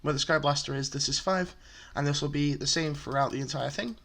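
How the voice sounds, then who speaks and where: Casual male presenter with a slightly high voice, talks through a deck with frequent fillers. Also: fairly quick, vocal fry, fairly bright tone. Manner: chatty, filler-heavy, explains step by step. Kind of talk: casual card game explanation.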